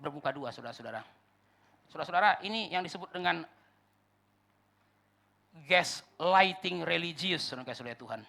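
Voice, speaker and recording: A male pastor preaching an expository sermon at a church service, animated and addressing the congregation directly. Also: fairly high pitch, rapid-fire, vocal fry. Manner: animated preaching, acts out listeners' replies; addresses congregation repeatedly as "saudara-saudara".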